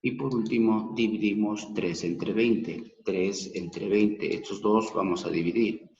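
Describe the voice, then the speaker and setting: A man with a Peruvian accent teaches a math class, walking through each step slowly and patiently. His voice sits on the low side. The recording is dull and roomy, with a long echo trailing behind his words. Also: steady tone, vocal fry, darkish tone. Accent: Peruvian Spanish. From Peru. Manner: slow, patient, counts aloud step by step. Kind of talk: math lesson.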